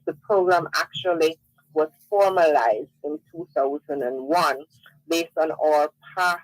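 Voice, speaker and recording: A woman's voice: low-pitched, dry recording, low-quality recording. A woman, a company sales and marketing head, explaining a program in a businesslike way as a radio guest. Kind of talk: radio interview.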